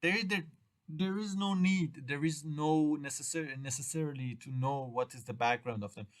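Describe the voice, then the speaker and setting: Lecturing students in an English exam workshop, a middle-aged native Persian speaker from Iran has a Persian accent and a slightly high voice. His speech is halting, with restarted and repeated phrases and uneven grammar.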